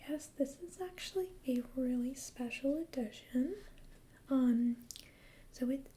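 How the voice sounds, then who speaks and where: A woman in a whispered role-play as a friendly, chatty librarian, speaking in a soft, breathy library whisper with a gentle, hesitant conversational manner. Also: sits high, measured pace, slight background noise. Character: friendly, chatty female librarian recommending books. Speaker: ASMR role-player as librarian.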